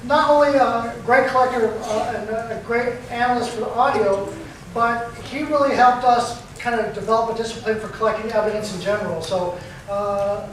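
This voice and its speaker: Introducing the next speaker at a live festival event before a crowd, this male MC and host hesitates often and fills his delivery with fillers. His voice is extremely high and slightly bright. The recording has an echoey hall sound, a distant mic, and background noise.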